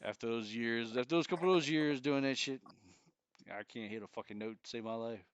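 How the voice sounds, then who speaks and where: A man in his forties co-hosts a podcast, chatting casually with a joking, profane manner. He speaks fairly quickly in a mid-range voice with a clean tone, though the audio is dull.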